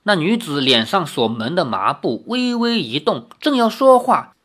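Storyteller, novel reading, lively pitch, casual asides. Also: normal speed. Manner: expressive, adds casual asides.

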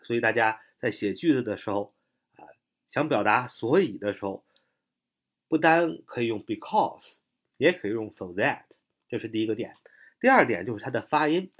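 A man in an online English lesson, speaking at an ordinary mid-range pitch. He spells each word out letter by letter, repeats example sentences at an unhurried pace, and fills his pauses with a long, drawn-out "ah". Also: slightly rough. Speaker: English teacher.

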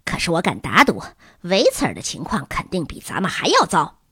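A woman voicing a worn-out schoolboy who complains in a groaning, hoarse way. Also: fairly low pitch, wildly swooping pitch, brisk, bright, forceful tone, dry recording, clean studio sound, full character voice.

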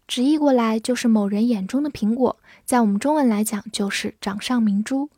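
A woman teaching English words in Chinese, spelling each word out letter by letter and reading example sentences slowly. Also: a little high, dark tone, no room sound, studio quality. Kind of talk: vocabulary lesson.

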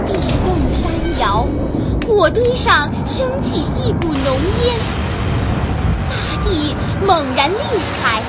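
A woman tells a children's fairy tale in a very high voice that swoops up and down. She reads slowly and expressively, with loud children's music playing behind her. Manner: slow, sing-song, expressive. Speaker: storyteller. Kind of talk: scripted children's story narration.

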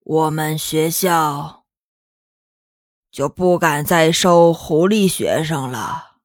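Lady doing a stern old goat teacher guy, deep and slooow, dry close sound, kids' story. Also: dry recording. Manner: slow, weighty, scolding.

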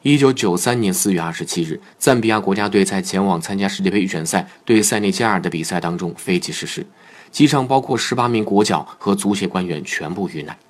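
A man with a somewhat low voice narrates from a script as the host of a football show. He tells his story in a solemn, measured way.

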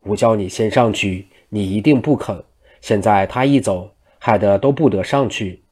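A polite but stubborn young gentleman, voiced by a male storyteller. His speech is formal and courteous, delivered in a low, steady voice. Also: normal speed, husky. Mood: grumbling.

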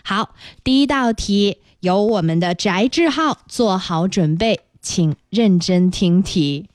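A woman's voice: mid-range voice, expressive, takes it slowly, darkish tone, no echo. Female quiz show host in a dry studio. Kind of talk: hosting a children's radio quiz. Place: radio studio.

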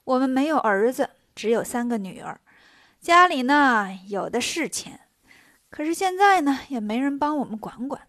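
A boastful, pushy rich widow of forty-five who coaxes her guests to stay, as a woman storyteller plays her. The voice is fairly high and dry. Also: expressive, normal speed, fairly bright tone, no room sound. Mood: coaxing. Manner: coaxing, boastful.

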